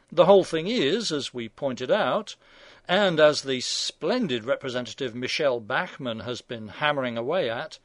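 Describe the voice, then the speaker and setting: A man's voice: mid-range voice, a bit bright, no echo. A man in his sixties, hosting a scripted opinion commentary with dry, sardonic asides. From England. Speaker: radio commentary host.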